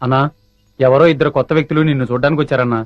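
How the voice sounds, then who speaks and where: An actor playing a rough forest bandit henchman who speaks in threats. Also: medium pitch, fairly even intonation, racing, natural voice. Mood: plain. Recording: dull film soundtrack with music.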